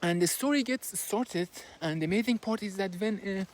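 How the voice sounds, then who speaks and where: Strolling outdoors, this man summarizes a book in a high voice at normal speed, sounding casual but hesitant, with lots of fillers and restarts. Persian is his first language and he has a Persian accent. As a book reviewer, he uses just a basic handheld phone to record.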